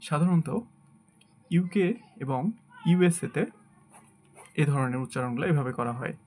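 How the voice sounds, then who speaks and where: A man teaching English pronunciation, saying each word slowly and carefully and repeating it. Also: on the high side, a little mellow. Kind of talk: slow pronunciation lesson.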